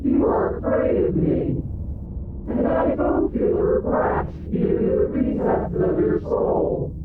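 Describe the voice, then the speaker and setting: Menacing, reverberating otherworldly princess. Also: female voice, narrow, tinny audio, noisy background. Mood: accusing. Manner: slow, accusing, commanding. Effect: heavy echo, reverberating. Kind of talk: video game voice acting. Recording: echo-drenched, thin band-limited game voice.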